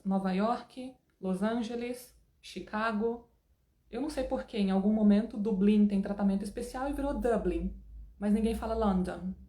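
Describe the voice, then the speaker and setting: Brazilian woman teaching, mellow voice, echoey room. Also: mid-range voice. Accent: Brazilian Portuguese. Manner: explains patiently, opinionated asides. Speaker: English teacher. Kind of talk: online language lesson.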